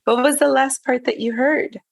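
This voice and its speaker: Co-host, woman, heard through a glitchy video call that drops out, gravelly and breathy, halting delivery. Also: high voice, steady tone. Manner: halting, restarting phrases. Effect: video call audio, breaking up and freezing. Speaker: podcast co-host. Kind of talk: casual conversation.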